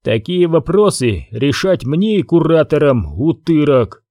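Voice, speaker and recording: A man's voice: fairly high pitch, animated, a little slow, warm tone, dry recording. A cold, commanding young leader barks orders in a raised, hard voice, as a man plays him. His tone is firm and threatening, the sound dry and close.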